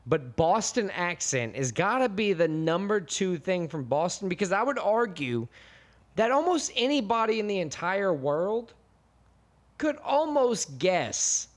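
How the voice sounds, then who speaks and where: A man's voice: high voice, sing-song, measured pace. An American man co-hosting a podcast, chatting casually with enthusiastic, rambling jokes. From United States. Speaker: podcast co-host.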